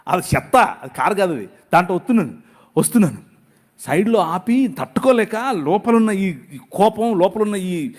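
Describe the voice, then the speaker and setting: Middle aged pastor guy preaching all fired up, high voice swinging up and down. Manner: emotional, dramatic preaching with rhetorical questions. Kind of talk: impassioned sermon.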